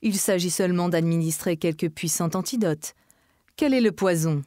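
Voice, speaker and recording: A woman reading aloud voices a self-important village pharmacist who speaks in a brisk, lecturing way. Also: fairly low pitch, warm tone, no echo, studio quality, natural voice.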